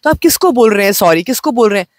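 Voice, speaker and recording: A woman life coach gives a gentle, slow self-help talk, mixing Hindi and English. She is unwell and says her voice sounds off. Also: fairly high pitch, animated, no room sound. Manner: mixes Hindi and English, speaks slowly and gently. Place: outdoors on location.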